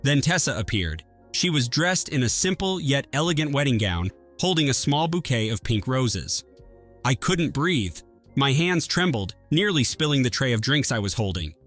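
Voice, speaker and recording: A man reads a first-person story in a steady, measured manner. His delivery is even and composed throughout. Faint music plays softly behind his voice. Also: mid-range voice. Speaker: story narrator.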